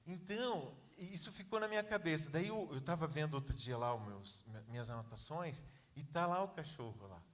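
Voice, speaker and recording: A pastor tells his story from the pulpit in a loose, conversational sermon, with frequent asides to the congregation. His voice sits a bit high for a man. The sound carries the long reverb of a church hall. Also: expressive, moderate pace, few pauses.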